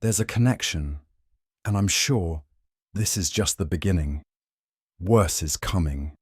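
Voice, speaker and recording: A man's voice: deep voice, unhurried, husky, dry recording, studio quality. A man playing a grim small-town sheriff. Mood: grave.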